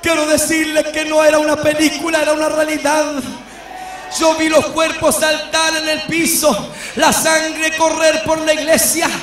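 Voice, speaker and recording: A man preaching a shouted sermon testimony, calling his listeners beloved brother, in a church hall. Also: very high voice, monotone, moderate pace. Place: church hall before a congregation. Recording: echoey hall, mic at a distance.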